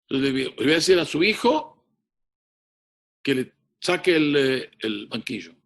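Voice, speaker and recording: Male rabbi, sermon delivery, solemn halting storyteller, mid-range voice. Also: mid-range voice, very animated, fairly bright tone. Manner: solemn storytelling with frequent restarts.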